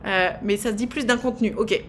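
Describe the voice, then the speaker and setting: A woman's voice: medium pitch, a little fast, fairly bright tone, slight background noise. A woman in her thirties hosting a live stream, chatting casually in a teasing way with lots of fillers. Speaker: streamer host.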